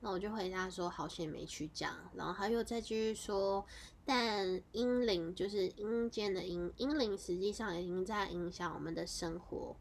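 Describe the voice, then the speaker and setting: A woman, hosting a podcast and casually telling a story in a chatty, animated way, running her clauses together with fillers. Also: moderate pace, gravelly, slight background noise. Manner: animated, jumps into high excited exclamations. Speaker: podcast host.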